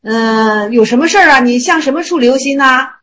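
A woman's voice: sits high, a little fast, a bit bright. A woman voicing a stern old male Chan master who questions his disciple. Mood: probing.

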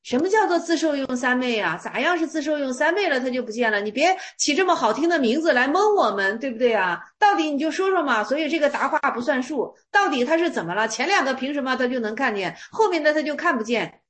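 Woman, high pitch, casual lecture, chatty, rhetorical questions. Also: animated, quick pace, hardly any pauses, a bit bright. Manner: chatty, asks rhetorical questions, retells in colloquial terms. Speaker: teacher. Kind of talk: casual lecture on Zen stories.

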